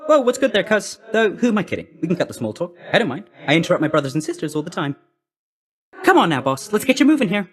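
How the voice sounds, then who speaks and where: Hermes, a highly animated, hurried messenger god. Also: male voice. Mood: breezy, hurried. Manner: breezy, slangy, chummy, clipped delivery. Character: brisk, cheeky young male messenger god, always hurrying. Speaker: video game character actor. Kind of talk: video game voice lines.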